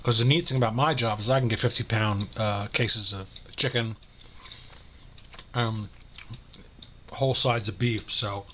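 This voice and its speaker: A man talking casually to his camera while eating, frank and rambling, with many pauses and fillers. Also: fairly low pitch, fairly even intonation, pushed and bright, slight background noise. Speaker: vlogger. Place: home room.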